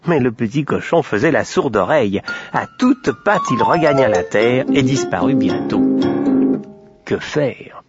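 A man reading a children's tale aloud, lively with playful asides. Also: mid-range voice, measured pace, loud music behind the voice. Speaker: storyteller. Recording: dry, slightly dull lo-fi recording.

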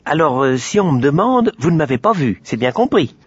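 A man putting on a squeaky panicky little pig. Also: sing-song, fairly quick, slightly rough, dry recording. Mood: scheming. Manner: pleading, breathless, fussy with hesitant "euh"s. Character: panicky sly little male pig who swallowed a star. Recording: dry, slightly dull lo-fi recording.

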